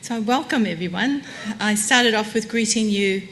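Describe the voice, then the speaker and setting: Speaking at medium pitch and a moderate pace, this New Zealand conference speaker of Samoan heritage gives a keynote from the lectern. She's warm and frank, laughing lightly at her own expense, with a touch of hiss or hum on the lectern microphone.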